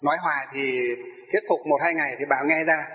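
A man's voice: on the high side, fairly even intonation, brisk, a little hiss or hum. A man, a spiritual master telling his own life story to an audience, emphatic and repeating key phrases. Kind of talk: personal testimony to an audience. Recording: long reverb, dull lo-fi sound.

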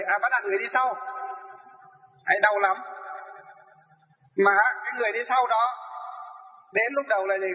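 Man, Buddhist monk, sermon, rhetorical questions, long hall reverb, narrow phone-like sound. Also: high voice. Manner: rhetorical questions he answers himself, lively storytelling. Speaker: Buddhist monk teaching lay followers. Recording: echoey hall through a tinny narrow line.

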